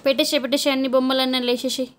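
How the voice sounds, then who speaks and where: High-voiced woman in playful baby talk. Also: level tone, rapid-fire, a little hiss or hum. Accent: Telangana Telugu. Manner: playful coaxing baby talk, sing-song questions. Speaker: mother filming her toddler. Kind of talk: home video chatter with a small child.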